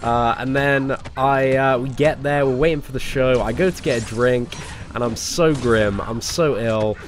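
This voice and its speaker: The speaker is a young English gaming streamer playing a mobile game and talking casually to his audience, greeting people by name and using lots of fillers. His voice is medium-pitched and a little slow, slightly nasal because of a cold.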